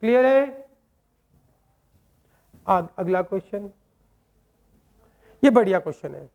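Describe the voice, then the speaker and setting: A man teaching a maths lesson to a class in speech, quizzing students with quick questions and joking with them. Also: high voice, expressive, vocal fry, darkish tone.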